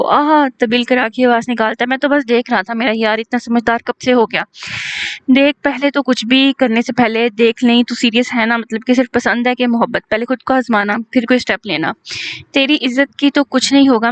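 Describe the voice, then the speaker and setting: A woman reading a romantic novel aloud, voicing all the characters in a steady storytelling read with an Urdu-inflected Hindustani accent. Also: on the high side, rough recording. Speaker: novel reader.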